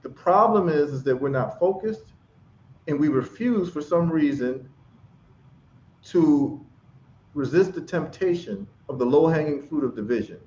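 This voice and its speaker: A man from Ghana joins a live stream call as a guest in a casual chat, speaking with passion and repeating phrases for emphasis. His fairly high, slightly mellow voice is expressive and unhurried. The echoey, dull lo-fi stream audio carries a little hiss or hum.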